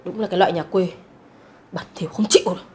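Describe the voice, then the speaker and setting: An actress playing a harsh, scornful middle-aged mother-in-law, scolding in a sharp, contemptuous way. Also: lowish voice, steady tone, quick pace, lightly acted. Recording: roomy, with music underneath.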